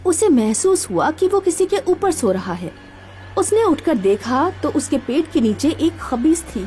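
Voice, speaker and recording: A woman telling a scripted horror story in a lively, expressive way. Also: high voice, a little slow.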